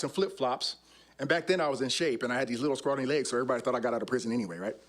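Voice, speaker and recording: A middle-aged man, a former undercover officer, telling stories on stage in a demonstrative, act-it-out way. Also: fairly high pitch. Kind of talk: animated storytelling talk on stage. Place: stage before an audience.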